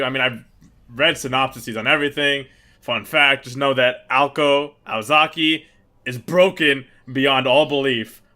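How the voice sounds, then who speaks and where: Young male co-host, bright tone, relaxed rambling chat, faint music bed. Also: mid-range voice. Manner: laid-back, rambling, lots of fillers and laughs. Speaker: channel co-host. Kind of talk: casual chat, answering viewer questions.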